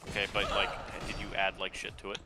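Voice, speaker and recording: A man's voice: deep voice, monotone, fast, very noisy. A young man chatting casually while playing a video game with friends, swearing and joking between moves. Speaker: gamer on voice chat. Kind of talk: casual gaming banter.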